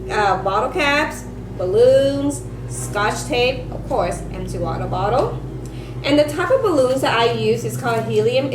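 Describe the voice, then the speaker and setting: A woman giving a step-by-step craft lesson for children, speaking like a bright kids' presenter and teacher. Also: on the high side. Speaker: elementary science teacher presenting a craft tutorial. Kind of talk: step-by-step instructional demonstration for children. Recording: roomy echo with music behind.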